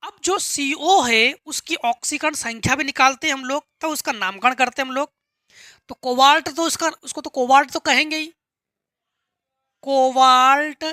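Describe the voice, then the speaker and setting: Here a high-voiced, bright-sounding woman walks through a chemistry lesson one step at a time. Patient throughout, she asks questions, answers them herself, and repeats key words, all in a close, dry recording.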